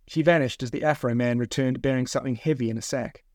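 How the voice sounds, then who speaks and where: A man, the author, narrating his own novel in the first person with steady, measured storytelling. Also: mid-range voice, no echo, studio quality.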